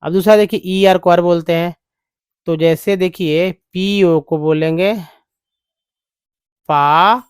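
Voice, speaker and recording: A man teaching English to beginners, slowly spelling words out and repeating each one. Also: high-pitched, fairly even intonation, smooth, no room sound. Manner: drawn-out, repeating each word for the learner. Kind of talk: slow spelling-out lesson.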